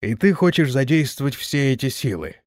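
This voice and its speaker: A cautious orc great khan speaks in a low, measured grumble with quiet authority, as a male narrator puts him on. The storybook reading varies its pitch with life and sits dry and close. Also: very animated, no room sound, natural voice. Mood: commanding. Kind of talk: audiobook character reading.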